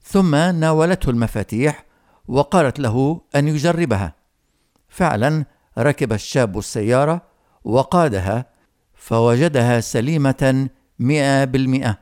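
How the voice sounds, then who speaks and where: A man's voice: medium pitch, darkish tone, clean tone, no room sound, studio quality. Man narrating a radio Bible study. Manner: measured, formal storytelling delivery. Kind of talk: scripted Bible study broadcast with storytelling.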